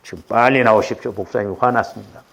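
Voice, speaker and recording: A man's voice: on the low side, fairly even intonation, fast, vocal fry, fairly bright tone. A middle-aged male pastor giving a conversational sermon, often checking in with the congregation. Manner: conversational preaching with rhetorical checks.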